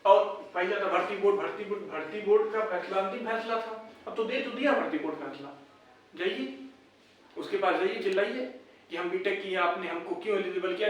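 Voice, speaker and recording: The host of a YouTube exam-update channel, a man with a high-pitched, fairly bright voice, argues bluntly and informally, firing off rhetorical questions. The audio sounds distant, captured in an echoey room.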